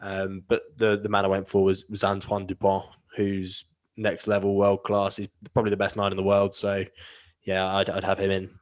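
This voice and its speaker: A man co-hosts a podcast in relaxed, casual chat, steering the talk from point to point. His voice sits fairly low. The sound is dry and close to the mic. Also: moderate pace, dry recording. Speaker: podcast co-host.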